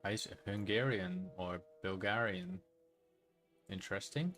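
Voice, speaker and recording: Slow, low-voiced Dutch man streaming. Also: soft background music. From Netherlands. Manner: relaxed, rambling, self-correcting. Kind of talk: casual game stream chat.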